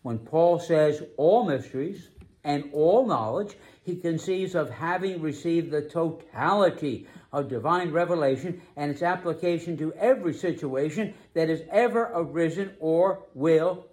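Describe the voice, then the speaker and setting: Emphatic male pastor preaching a sermon. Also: on the high side. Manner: emphatic, slows down to stress key phrases.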